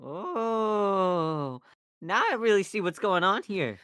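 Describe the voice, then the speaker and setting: A woman's voice: mid-range voice, slow, clear, resonant tone, no room sound, clean studio sound. A woman playing jittery chatty Donkey. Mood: teasing. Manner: stammering, rambling, excitable.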